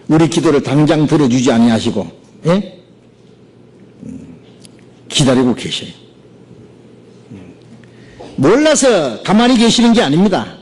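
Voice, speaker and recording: A male pastor preaching a sermon, animated and often checking in with his listeners through quick rhetorical asides. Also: medium pitch, breathy edge, poor audio. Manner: animated, peppers talk with rhetorical "예?".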